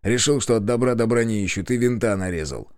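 A man's voice: lowish voice, fairly quick, a little mellow, dry recording, studio quality, lightly acted. A man voicing a coarse, hot-tempered grown man who barks orders in an audiobook. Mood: scornful. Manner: gruff, coarse, barking orders. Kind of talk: audiobook character voice.

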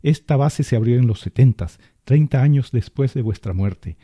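A man's voice: mid-range voice, lively intonation, moderate pace, warm tone, slightly rough, no room sound, pitched above the performer's own voice. A man voicing a firm, insistent military major. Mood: urgent. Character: stern male military major.

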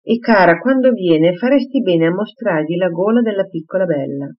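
A man's voice: sits high, lively intonation, normal speed. A reader voicing a fretful, doting elderly father in an audiobook, fussing in a raised voice. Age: older. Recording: slightly muffled recording.

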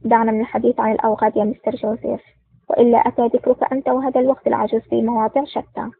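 A woman voicing a cool, sarcastic male spy hero in an audiobook, in a low-key reading, with a dry, tinny sound. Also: little pitch movement, racing, gravelly, breathy edge, no echo. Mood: mocking. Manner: cold and sarcastic.

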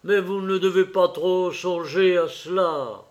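A man's voice: high-pitched, fairly even intonation, unhurried, pitched above the performer's own voice. A man reading an audiobook voices a witty, worldly English aristocrat with a languid, ironic drawl. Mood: teasing.

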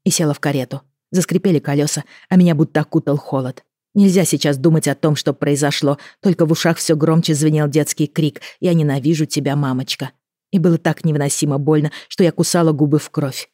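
Expressive woman reading an audiobook. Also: low-pitched, quick pace, dry recording, studio quality. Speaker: audiobook narrator. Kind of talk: first-person audiobook narration.

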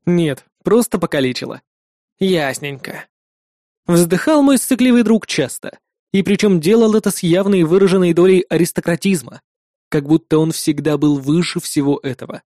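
High-voiced wry male narrator. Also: normal speed, mellow, no echo, clean studio sound. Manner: wry, sarcastic first-person storytelling. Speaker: audiobook narrator. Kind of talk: audiobook narration.

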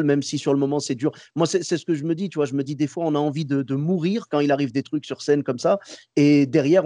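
Guy with a moroccan-american accent hosting a chill interview, dry close sound, mid-pitched voice. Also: dry recording. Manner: relaxed, encouraging, sprinkles "tu vois". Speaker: podcast host. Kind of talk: casual interview chat.

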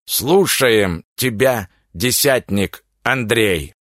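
A man voicing a stern, gruff old male elder presiding over a village trial, speaking in weighty commands. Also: fairly low pitch, lively intonation, drawn-out words, fairly bright tone, dry recording, studio quality, heavily acted. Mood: solemn. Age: older.

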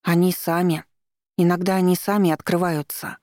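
A woman's voice: fairly low pitch, flat delivery, normal speed, a little mellow, dry recording, studio quality, close to an everyday voice. A woman reading an audiobook, voicing an eager, earnest young boy prince.

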